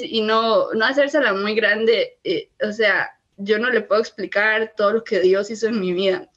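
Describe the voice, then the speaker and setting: A woman's voice: medium pitch, a bit bright, highs cut off. A woman in her twenties with a Costa Rican accent, giving an earnest personal faith testimony as a podcast guest and tagging her sentences with "¿verdad?". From Costa Rica. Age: 20s.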